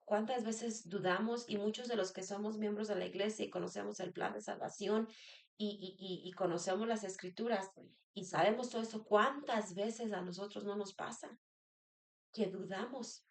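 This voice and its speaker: Woman, earnest devotional talk, rhetorical questions, repeated phrases, mid-pitched voice. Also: steady tone, normal speed, gravelly. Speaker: church member sharing a devotional.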